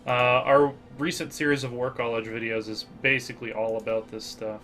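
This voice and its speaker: An American gaming channel host plays through a strategy game, thinking aloud casually with lots of fillers. His medium-pitched voice is flat in delivery yet bright and forceful, at a moderate pace, with faint music in the background.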